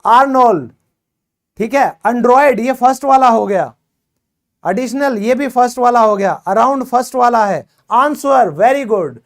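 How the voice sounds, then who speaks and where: A man's voice: extremely high pitch, measured pace. A man teaching English phonics, explaining in Hindi, praising and quizzing his students as he goes. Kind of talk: classroom phonics lesson.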